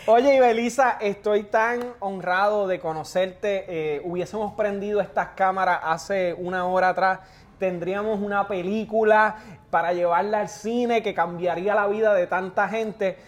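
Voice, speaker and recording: A man's voice: high voice, steady tone, moderate pace. A man hosting a podcast, chatting casually and joking with his guest at her home. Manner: joking, playful, emotional. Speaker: podcast host. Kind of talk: casual chat.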